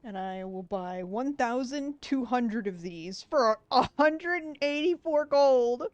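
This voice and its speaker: A man streaming a game, chatting casually and mumbling softly to himself as he plays. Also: very high-pitched, animated, takes it slowly, smooth, no room sound, muffled recording. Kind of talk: casual chat while gaming.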